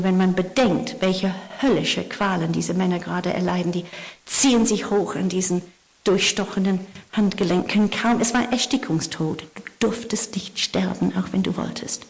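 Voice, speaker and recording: A woman preaching a Christmas sermon, telling stories and often dropping to a hushed whisper for emphasis. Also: lowish voice. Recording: long hall reverb.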